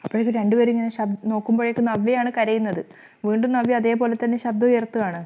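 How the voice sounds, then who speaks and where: A woman retelling a serial drama at a rapid clip, her voice fairly high. The recording is slightly muffled and lo-fi. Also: steady tone, slight background noise. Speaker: storyteller.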